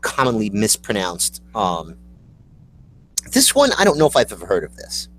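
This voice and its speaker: A man co-hosting a casual chat, wry and halting, with many fillers. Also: lowish voice, wildly swooping pitch, a bit bright, poor audio. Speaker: co-host.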